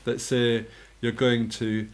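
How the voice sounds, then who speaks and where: A man co-hosting a podcast in a relaxed way, joking and often trailing off quietly. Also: mid-range voice, takes it slowly. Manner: easygoing, laughs often, trails off softly. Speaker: podcast co-host. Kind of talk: casual podcast chat.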